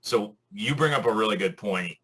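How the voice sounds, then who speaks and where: A man co-hosting a podcast in casual chat, articulate and measured as he builds an argument. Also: lowish voice, expressive, a bit bright, husky, low-quality recording. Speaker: podcast co-host.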